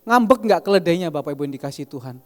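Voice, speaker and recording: Animated preacher in a hall. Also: male voice, a little high, very fast. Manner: animated storytelling, often addresses the congregation directly. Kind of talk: sermon. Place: large church hall. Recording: reverberant church hall.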